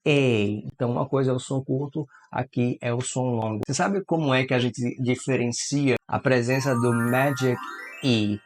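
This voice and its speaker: A man gives an English lesson, his voice sitting at an ordinary middle pitch. He talks in a lively, exclamatory way. He stretches out single letters and vowel sounds slowly so learners can copy them. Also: soft background music. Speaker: English teacher. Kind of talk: explanatory language lesson.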